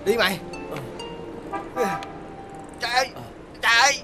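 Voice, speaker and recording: A woman's voice: on the high side, over music, natural voice. An actress playing a blunt young woman who scolds a drunk friend. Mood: exasperated. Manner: fast, exasperated scolding.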